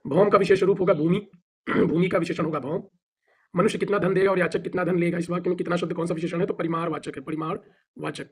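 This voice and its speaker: Husky high-pitched Indian male teacher. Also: fairly even intonation. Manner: rapid list recitation with brief explanations; mixes English phrases into Hindi. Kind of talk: exam-prep vocabulary drill.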